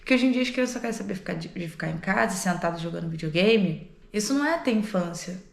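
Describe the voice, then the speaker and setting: A young woman, telling a story to her vlog in a lively, animated way, swearing, laughing and acting out the people in it. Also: lowish voice, fast talker, creaky. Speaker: au pair vlogger. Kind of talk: casual storytelling to camera. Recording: echoey room.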